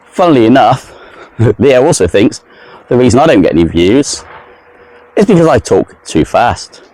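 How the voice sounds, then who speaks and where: A man's voice: medium pitch, big pitch swings, moderate pace, mellow. A man talking casually to his camera while walking outdoors around a lake in the heat, rambling and self-deprecating. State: sweaty in the heat. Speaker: travel vlogger. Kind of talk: casual walking vlog monologue.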